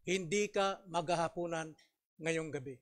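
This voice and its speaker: A man's voice: on the high side, close to an everyday voice. A man voicing a stern but loving father giving his child firm orders. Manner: firm, measured commands.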